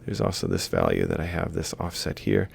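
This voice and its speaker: Huge pitch swings and a slightly fast pace mark this gravelly male voice. A robotics lecturer, he informally works through an example while drawing, thinking aloud step by step and correcting himself. The audio has faint background noise and a low rumble.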